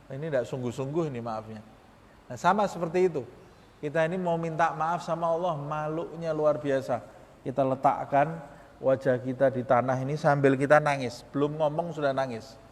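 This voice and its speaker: Male religious teacher, mosque lesson, Arabic phrases explained, rhetorical questions, long reverb of a mosque hall. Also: fairly high pitch. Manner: reads Arabic phrases then explains them.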